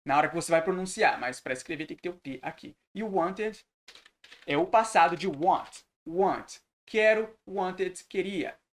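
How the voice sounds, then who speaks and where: A man teaching a recorded lesson, translating sentences phrase by phrase and repeating words slowly. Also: high voice. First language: Portuguese. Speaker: English teacher.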